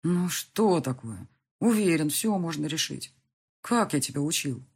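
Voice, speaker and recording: Audiobook: caring, gruff older father, read by a woman, breathy tone, firm and pushy. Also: deep voice, lively intonation, a little slow, a little mellow, full character voice. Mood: coaxing. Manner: soothing, then insistent and scolding.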